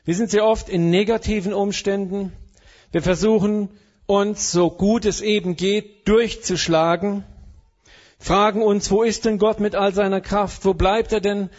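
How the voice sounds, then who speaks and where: Brief: male preacher, high voice, playful sermon delivery with English asides, slightly muffled recording. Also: fairly even intonation, unhurried, darkish tone. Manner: humorous, mixes German with English phrases.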